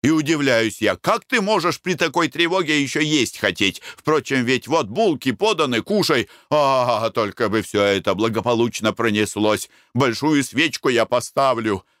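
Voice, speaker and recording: A man voicing a panicky middle-aged husband abroad, fretful and hurried, in a storybook reading. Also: medium pitch, animated, a bit bright, no echo, clean studio sound, pitched above the performer's own voice, lightly acted. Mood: anxious, hurried.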